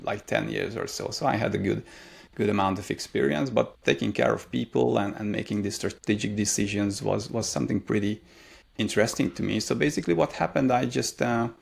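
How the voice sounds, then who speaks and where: In this interview, a Hungarian man in his thirties, working as a career mentor, replies in English with his native accent, pausing often and using plenty of fillers as he thinks. He speaks fairly quickly, his low-ish voice marked by vocal fry and a slight roughness.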